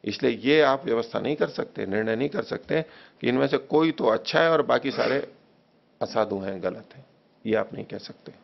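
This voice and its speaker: A man's voice: mid-range voice, normal speed, vocal fry. A man teaching scripture in a spoken lecture, explaining step by step and pressing a student with pointed questions. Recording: dull lo-fi recording.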